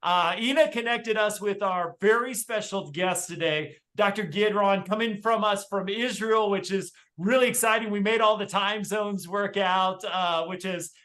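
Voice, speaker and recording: Man, podcast host, high voice, enthusiastic, lots of uh fillers. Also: moderate pace, few pauses, pushed and bright. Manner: friendly, enthusiastic, many uh fillers. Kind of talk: casual podcast interview.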